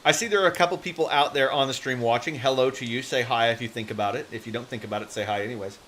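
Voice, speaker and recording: Talking at a racing pace in a mid-range voice, this live streamer and fiction writer rambles through casual chat and frequently loses track of what he was saying. He's in a home office, with constant hiss and room noise in the recording.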